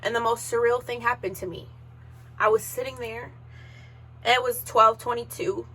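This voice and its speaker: A woman's voice: on the high side, steady tone, normal speed, pushed and bright, breathy edge. A woman in her thirties hosting a podcast, telling a personal story in an emotional, sometimes tearful way while holding back tears. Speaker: podcast host.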